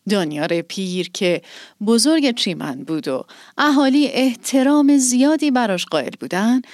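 A woman narrating a scripted story in a calm, measured and softly expressive way. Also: fairly high pitch, dry recording, studio quality.

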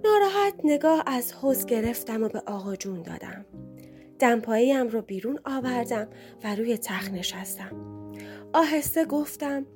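A woman narrating a story in the first person with an expressive telling. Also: on the high side, faint music behind.

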